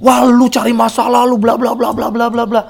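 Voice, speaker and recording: A man playing a mob of irate passengers, high strained yelling. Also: flat delivery, normal speed, gravelly, heavily acted. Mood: furious. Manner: yelling insults. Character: angry shouting male airline passengers.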